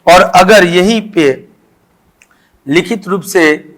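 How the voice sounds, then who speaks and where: A man's voice: high voice, takes it slowly. A male teacher explaining grammar to schoolchildren, repeating examples with emphasis.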